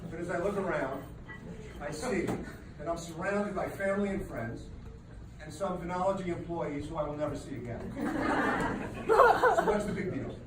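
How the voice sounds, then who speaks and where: In a large, echoey banquet room, a man delivers a humorous wedding rehearsal dinner speech of dry, self-deprecating jokes while a laughing crowd makes loud noise. His slightly high voice swings widely in pitch at a moderate pace with long pauses, captured distantly from across the room without a microphone.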